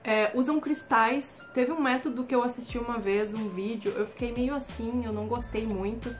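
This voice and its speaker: Brazilian woman, slightly high voice, easygoing step-by-step vlog talk, soft music under it. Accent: Brazilian Portuguese. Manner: chatty, explains step by step with hesitant fillers. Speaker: YouTube creator. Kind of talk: casual instructional talk.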